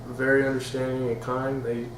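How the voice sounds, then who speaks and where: A man's voice: medium pitch, monotone, moderate pace. A young man in his twenties from Texas answers hesitantly and rambles, with plenty of fillers. His voice sits in the middle range. The room is echoey, with faint background noise. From Texas, USA. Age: 20s. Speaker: college student interviewee.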